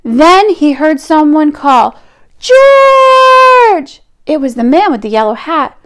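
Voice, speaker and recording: A high-pitched woman gives an expressive read-aloud of a picture book for children, with drawn-out emphasis and conversational asides along the way.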